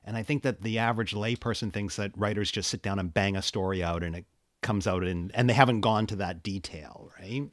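Nachdenklicher Podcast-Gastgeber, trockene Aufnahme. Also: male voice, lowish voice, steady tone, brisk, no echo, clean studio sound. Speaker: podcast host. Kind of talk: casual interview talk.

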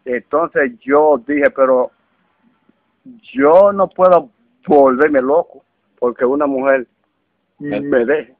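A man with a Dominican accent telling a comic story casually, halting and repeating words as he goes. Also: medium pitch, no room sound, narrow, tinny audio. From Dominican Republic.

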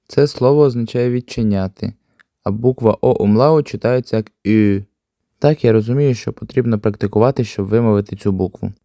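A man teaching a language lesson on video, explaining calmly and patiently. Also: on the low side, vocal fry, no room sound, studio quality.

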